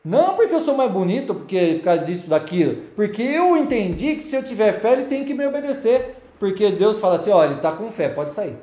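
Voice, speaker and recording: A man's voice: high-pitched, very animated, fairly quick, dark tone, roomy sound. A man preaching a sermon and telling his own story, acting out the voices of demons and people. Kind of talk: sermon testimony.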